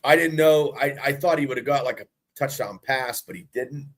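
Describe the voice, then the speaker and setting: Congested and sick, a man hosts a casual sports podcast, rambling and frequently restarting his sentences. His voice is mid-range and he speaks at a moderate pace.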